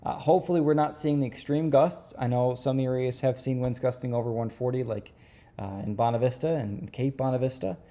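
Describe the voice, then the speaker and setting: Male weather vlogger: dark, relaxed tone, mid-range pitch, conversational forecast explainer with halting phrasing.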